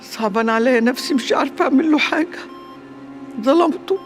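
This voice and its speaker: An actress playing a fierce, sharp-tongued older matriarch in an Egyptian TV drama, speaking with an Egyptian accent. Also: female voice, medium pitch, fast talker, soft background music, lightly acted. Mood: grieving. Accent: Egyptian Arabic. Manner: sharp, mocking, threatening.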